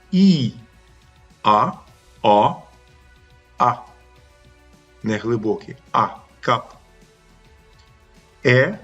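A man's voice: medium pitch, husky, lo-fi sound. A middle-aged man teaching English pronunciation, demonstrating and repeating vowel sounds aloud. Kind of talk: pronunciation lesson.

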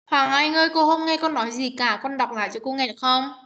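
A high-voiced woman teacher leads an online lesson, her tone bright and clear. She patiently coaxes her students and repeats each sound for them to copy. The video call audio is dull and muffled. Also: fast talker. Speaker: English teacher. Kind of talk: online class coaching pronunciation.

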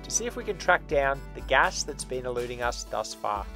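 A man's voice: medium pitch, big pitch swings, moderate pace. A man giving upbeat, scripted voice-over narration for a road-trip travel vlog. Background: music.

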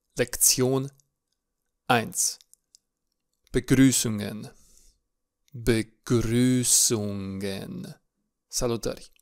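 A man teaching a language lesson, saying words slowly and clearly and repeating them for practice. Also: medium pitch. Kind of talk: slow, clear pronunciation lesson.

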